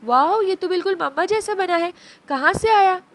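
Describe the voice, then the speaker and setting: A woman's voice: high-pitched, moderate pace, a bit bright. A woman voicing a small, innocent girl who misses her mother, in a sweet, pleading childlike voice. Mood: excited.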